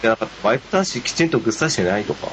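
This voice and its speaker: A man's voice: medium pitch, sing-song, racing, heavy background noise. A man chatting casually with others on a voice call. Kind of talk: casual group chat over a voice call. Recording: dull lo-fi call with music. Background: music.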